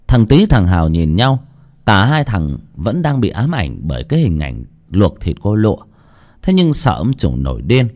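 A man's voice: on the low side, darkish tone. A man narrating a folk horror story in a dramatic storytelling style. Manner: dramatic, swooping delivery.

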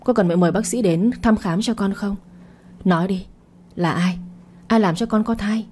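A woman's voice: mid-range voice, normal speed, dark tone, breathy edge, natural voice. A woman voicing a stern, worried middle-aged mother who presses her daughter with questions. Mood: demanding. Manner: questioning, scolding.

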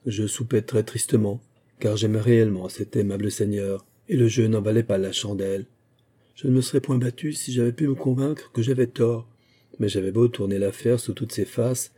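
Male narrator, memoir audiobook, measured delivery, husky and very dark tone. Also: fairly low pitch. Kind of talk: literary audiobook reading, first-person memoir.

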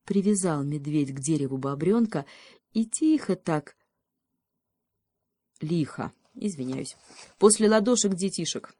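Slow mellow woman reading a fairy tale. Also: low-pitched, no room sound. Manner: calm, unhurried reading. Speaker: audiobook reader. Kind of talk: storybook narration.

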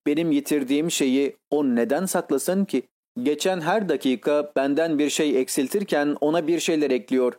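A handsome, anguished young man, voiced by a male reader pours out his feelings with urgent, pleading intensity. The voice sits a little high and warm. The delivery hurries as his passion rises. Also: moderate pace, lightly acted. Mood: bitter. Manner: impassioned, pleading.

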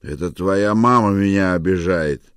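A man's voice: deep voice, moderate pace, smooth, dry recording, lightly acted. A man doing a grumbling harried husband. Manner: grumbling, sarcastic. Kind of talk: audiobook character voice.

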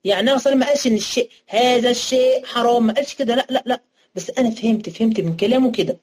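A woman's voice: fairly high pitch, racing, a little mellow. A woman with an Egyptian accent teaching a jurisprudence class, explaining terms step by step and answering her own questions. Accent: Egyptian Arabic. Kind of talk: interactive religious studies lesson. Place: online class recording.

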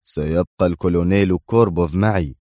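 A man's voice: sits low, brisk, mellow, no echo, clean studio sound, close to an everyday voice. A man reading the part of a stern, commanding male intelligence director in a storybook reading. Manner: curt, commanding, cold.

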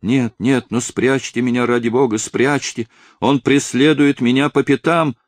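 A man's voice: medium pitch, fairly even intonation, measured pace, no room sound, pitched above the performer's own voice, natural voice. A man voicing a terrified teenage peasant girl. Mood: pleading, frantic. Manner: breathless, desperate pleading. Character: frightened fifteen-year-old peasant girl, pleading.

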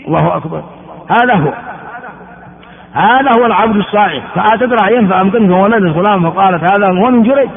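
An Ethiopian religious teacher lectures a class on religious texts, repeating words and posing rhetorical questions to his students. His voice sits high, quick, with vocal fry, recorded with phone-like sound in an echoey hall.

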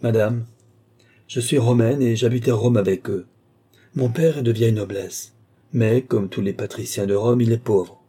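A man's voice: mid-range voice, normal speed, dark tone, husky, close to an everyday voice. A man reading the part of a frightened young Roman noblewoman in an audiobook, in a pleading voice. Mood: earnest. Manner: pleading, fearful.

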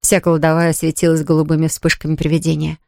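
A woman narrating a children's storybook with even, expressive reading. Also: sits low, fast talker, vocal fry, no room sound, clean studio sound.

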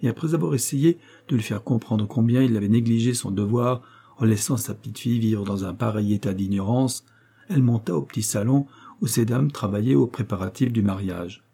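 Dark-voiced male audiobook narrator. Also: mid-range voice, brisk, gravelly, breathy edge. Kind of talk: scripted narration of a classic novel.

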